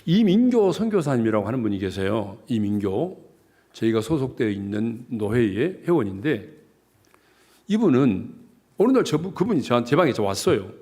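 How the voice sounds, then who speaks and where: Animated man preaching a revival sermon. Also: medium pitch, normal speed. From South Jeolla, Korea. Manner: animated, joking preaching with dialect humor. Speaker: pastor.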